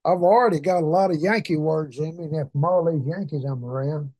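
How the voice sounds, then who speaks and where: A man's voice: on the high side, a little fast, a little mellow, dry recording. Folksy man with an Arkansas Southern accent. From Arkansas, southern United States. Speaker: preacher leading a prayer meeting. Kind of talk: folksy informal talk to a congregation.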